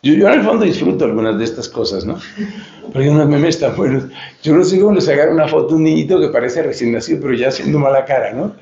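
A man giving an animated, joking lecture-style talk as a friar preacher, who searches for words and mocks the voices he quotes. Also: a little high, quick pace, gravelly. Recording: echoey lo-fi room recording.

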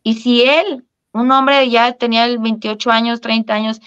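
Middle-aged Mexican woman, interview guest, smooth voice, candid and lively, muffled recording. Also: fairly high pitch, normal speed. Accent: Mexican Spanish. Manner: animated, many restarts and fillers, laughs at her own story.

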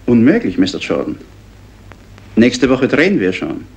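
An actor playing a middle-aged film production aide in a drama, courteous, formal and businesslike. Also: male voice, mid-range voice, big pitch swings, moderate pace, vocal fry. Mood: polite, businesslike. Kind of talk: naturalistic film acting.

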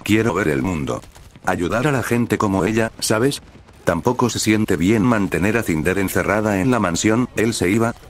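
A man voicing a cheerful, naive young man in a story reading, delivered in a flat, even way. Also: on the low side, normal speed, slight background noise, close to an everyday voice. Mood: easygoing.

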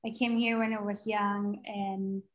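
A woman's voice: medium pitch, little pitch movement, a little slow, low-quality recording. A young woman from Thailand, a guest product designer, answering questions casually on a video call, thinking aloud with fillers and restarts. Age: young adult. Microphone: laptop mic on a video call.

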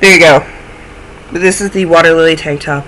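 A young woman with a deep, somewhat bright voice hosts a knitting podcast, speaking at a moderate pace with fairly even intonation as she chats casually to her webcam. She sounds stuffy and snuffly and slips in self-deprecating comments. It's filmed indoors in a small room at home, and the low-quality recording has slight background noise.

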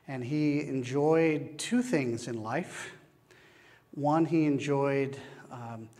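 A man preaching a sermon as pastor, slow and measured with long pauses, recorded in a church. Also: medium pitch. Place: church sanctuary. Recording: long church hall reverb.

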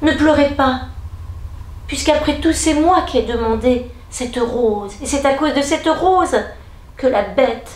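A woman voicing a brave, gentle young woman in a told fairy tale, calm and resolute, in an echoey room. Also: high voice, unhurried, pitched above the performer's own voice.

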